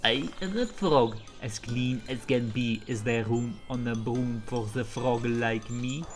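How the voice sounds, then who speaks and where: A woman's voice: extremely low pitch, unhurried, faint music behind. A woman voicing a polite, eager little frog in a children's story.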